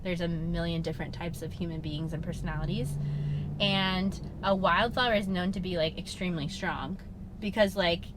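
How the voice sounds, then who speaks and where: A woman's voice: fairly low pitch, fairly even intonation, moderate pace. A woman, a salon owner, talking openly as a podcast guest in a car, using lots of fillers. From United States. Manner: open, chatty, frequent "like" fillers. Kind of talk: casual interview chat. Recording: noisy car recording.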